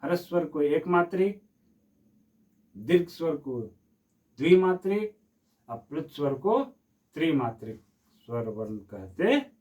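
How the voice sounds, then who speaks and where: A man's voice: on the high side, big pitch swings, unhurried, pauses often, darkish tone, recorded from a distance, muffled recording. A man teaching a Hindi grammar lesson who repeats each question and answers it himself, stretching vowels to demonstrate.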